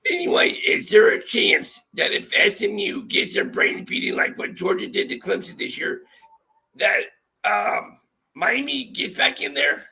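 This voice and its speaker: A man calling in to a sports show for a casual chat, with a thin, squeaky, strained voice, congested with a cold. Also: very animated, a little slow, creaky, sharp tone, slightly rough, rough recording. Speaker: caller to a sports call-in show.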